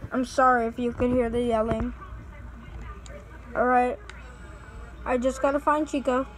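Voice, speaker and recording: A woman's voice: on the high side, fairly even intonation, unhurried, poor audio. A woman giving nervous let's play commentary, sounding scared and pleading with her fans. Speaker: gaming channel host.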